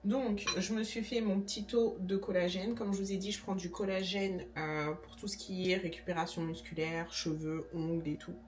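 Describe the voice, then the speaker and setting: A woman's voice: lowish voice, fairly even intonation, moderate pace, hardly any pauses, darkish tone. Chatty young woman vlogging in an echoey room. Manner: chatty, slangy, talks while eating. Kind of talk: casual vlog chat to camera. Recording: echoey room, voice a bit distant.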